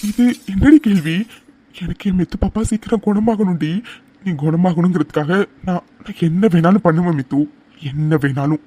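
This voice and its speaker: Woman voicing a devoted young cartoon hero, mellow mid-pitched voice, earnest and insistent. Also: moderate pace, natural voice. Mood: determined. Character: young man, stubborn and devoted.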